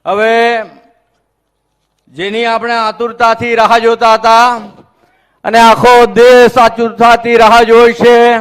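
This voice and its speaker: A man's voice: very high voice, completely flat delivery, takes it slowly, long pauses, clean tone. A man announcing speakers at a political rally in a formal, ceremonious way. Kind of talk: stage announcement.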